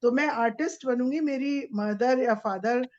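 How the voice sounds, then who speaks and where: A woman's voice: a little high, a little slow, a little mellow. Woman on a cutting-out lo-fi call. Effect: lo-fi internet call audio that breaks up and cuts out. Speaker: discussion participant. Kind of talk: conversational discussion. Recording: muffled, breaking-up remote call line.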